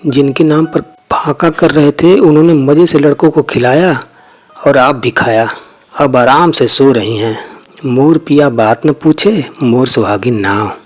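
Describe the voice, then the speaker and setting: A man voicing a sharp-tongued young village wife in a storybook reading, taunting with a raised voice. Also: fairly high pitch, unhurried, natural voice.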